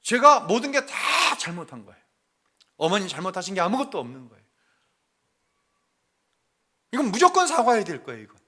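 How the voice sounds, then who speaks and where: A middle-aged male pastor telling a personal family story in a sermon, moving between hushed confession and loud acted-out quotes. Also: sits high, wildly swooping pitch, fairly quick, long pauses, husky.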